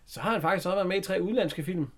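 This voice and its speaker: A man co-hosting a casual chat, retelling an old film, hesitant and laughing often. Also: high-pitched. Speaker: podcast co-host.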